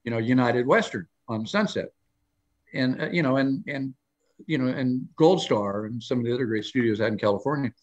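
An older man appears as a chatty guest storyteller on a live show, speaking briskly in a mid-range voice on lo-fi sound. His casual interview chat meanders through anecdotes with many restarts, and his voice pops up higher when he acts out quoted lines.

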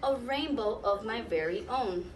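A woman in her thirties with a slightly high voice, volunteering as a children's story reader, reads a picture book to young children and pauses to explain and ask questions. Recorded on a camera a few metres away while she sits on a small classroom's floor indoors, the audio is roomy and distant, with noticeable background noise.

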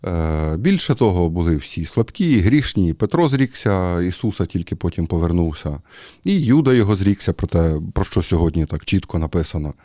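A man with a low, mellow voice preaches a homily in an easy, talky way. He stops often with fillers as he thinks aloud. The sound is close and dry, with no room echo. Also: very animated, brisk. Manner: conversational, hesitant with many fillers. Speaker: priest. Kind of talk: sermon.

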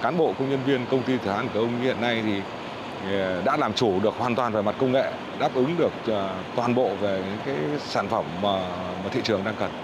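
A man speaks formally in a news interview, stumbling now and then over fillers. His voice sits on the low side. The recording was made outdoors, with vehicle noise clearly heard behind him. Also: normal speed. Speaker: coal company manager interviewed.

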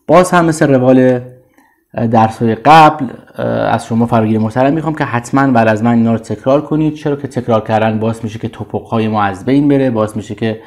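Persian speaking guy teaching english words, says each one slow and repeats it, mid pitch. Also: a little mellow. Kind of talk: slow vocabulary drill with repetition.

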